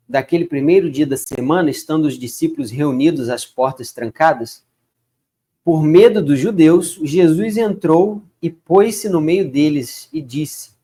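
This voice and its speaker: Man reading scripture with chatty asides. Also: on the high side. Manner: reads verses then comments in relaxed chatty asides. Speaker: bible reader. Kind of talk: casual bible reading with commentary.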